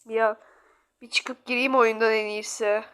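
A woman's voice: fairly high pitch, little pitch movement, unhurried, a bit bright, smooth. A young woman commentating a life simulation game, chatting casually and complaining in an exasperated, joking way. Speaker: gaming channel host.

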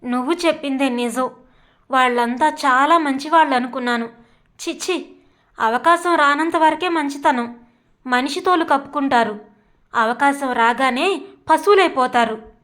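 A woman voicing a lively, stubborn young female college student who answers back teasingly in a storybook reading. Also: high-pitched. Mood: bitter. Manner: teasing, stubborn, quick retorts.

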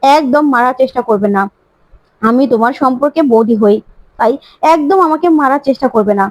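A woman's voice: sits high, brisk, a little mellow, no echo, close to an everyday voice. A woman voicing a young maid who is tearful and fiercely loyal, wailing and then accusing. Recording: slightly muffled dry recording.

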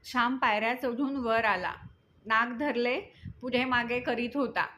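A woman reading a moral story aloud in a measured, steady storytelling voice. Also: on the high side, a little hiss or hum.

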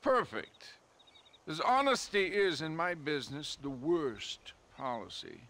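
A man playing a scheming, smooth-talking older political fixer in a western video game, pompous and theatrical. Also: fairly high pitch, very animated, slow pace, bright, forceful tone, exaggerated voice.

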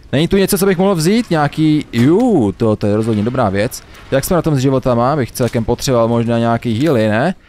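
A young man commenting on his own gameplay in a let's play, animated, swearing and laughing often. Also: mid-range voice. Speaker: gamer, let's play host.

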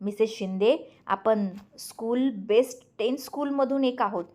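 A woman's voice: a little high, unhurried, mellow, natural voice. A woman narrator voicing a stern school principal lodging complaints in a storybook reading.

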